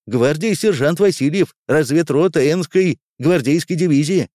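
A man's voice: on the high side, lively intonation, moderate pace, mellow, no room sound, studio quality, voice pushed up. Man doing a brash young scout sergeant.

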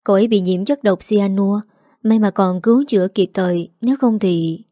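A polite, soft-spoken young woman, as the woman narrator voices her. Mellow tone, close dry recording, read like an audiobook. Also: mid-range voice, normal speed, no echo, close to an everyday voice. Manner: polite and gentle.

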